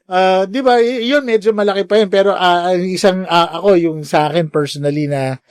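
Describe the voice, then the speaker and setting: A middle-aged man from the Philippines, a nurse, telling animated anecdotes in a casual chat. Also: high-pitched, fairly quick, clean tone, no room sound, studio quality. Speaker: podcast guest, nurse.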